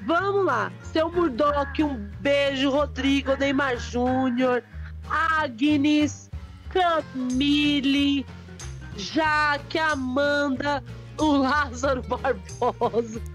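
A woman's voice: high voice, very slow, a bit bright, faint music behind. A young woman co-hosting a livestream, sleepy and affectionate, thanking her viewers. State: sleepy, coughing. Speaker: livestream co-host. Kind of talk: casual livestream chat.

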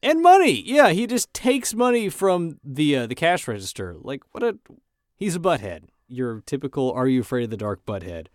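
A man's voice: mid-range voice, sing-song, moderate pace, no room sound, clean studio sound. A man co-hosting a podcast, casually narrating an episode recap with wry jokes. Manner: wry, joking. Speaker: podcast co-host.

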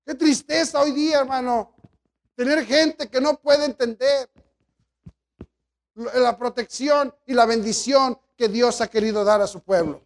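A male pastor preaching a sermon, retelling scripture in lively paraphrase and addressing listeners as brothers. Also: very high-pitched, unhurried.

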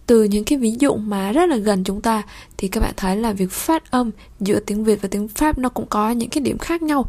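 A woman's voice: medium pitch, darkish tone. A woman with a Vietnamese accent hosting a podcast lesson, switching between French and Vietnamese and explaining patiently with frequent hesitation fillers.

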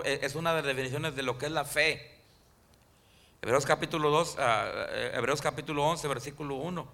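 A man preaching a Spanish-language sermon in church, calling out to the congregation and often asking them questions, slowing down when he quotes scripture. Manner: rises in pitch and loudness for emphasis, slows on scripture quotes. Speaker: pastor.

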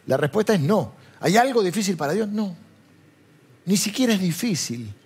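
A man with a Rioplatense Spanish accent gives a chatty, digressive, conversational sermon, frequently asking his listeners questions. His voice sits high with big pitch swings, a darkish tone, and a breathy edge, at normal speed.

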